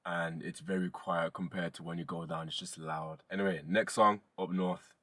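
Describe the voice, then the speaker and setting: A man's voice: low-pitched, normal speed, dry recording. A young man hosting a music reaction, talking casually and swearing now and then. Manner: relaxed, chatty, swears casually.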